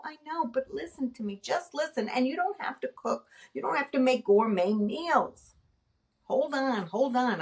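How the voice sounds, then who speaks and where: A middle-aged woman hosting a casual talk show, animated and self-mocking, acting out her own past thoughts. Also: high voice, distant mic. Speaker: nurse and podcast host. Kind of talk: casual chat.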